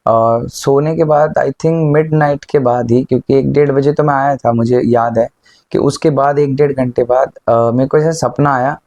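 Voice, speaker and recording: A man's voice: medium pitch, a little mellow, dry recording. A man earnestly telling of a personal experience in casual Hindi, mixing in English words. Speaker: devotee sharing a personal experience. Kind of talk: casual testimony.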